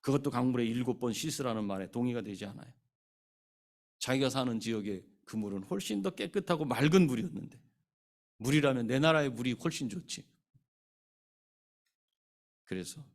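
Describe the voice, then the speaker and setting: A male pastor giving a sermon, asking the congregation questions and acting out the scripture figures. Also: medium pitch. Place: church sanctuary.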